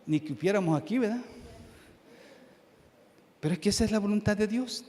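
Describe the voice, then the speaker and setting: A man pastor preaching a sermon in church, swinging between loud, forceful passages and hushed, quiet ones. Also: high-pitched, animated, a little fast, in a large hall, slight background noise. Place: church sanctuary.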